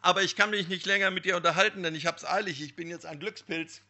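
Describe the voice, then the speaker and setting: A man's voice: high voice, normal speed, pitched above the performer's own voice, full character voice. A man doing an eager young man in a rush. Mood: hurried. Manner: excited, breathless hurry.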